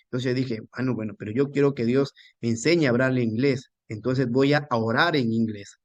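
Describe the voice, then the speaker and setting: A man, a pastor and missionary, telling a personal testimony with many restarts and lively quoting of his own words. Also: medium pitch, dry recording, dull audio. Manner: halting with many restarts, animated quoting of himself. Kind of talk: storytelling testimony.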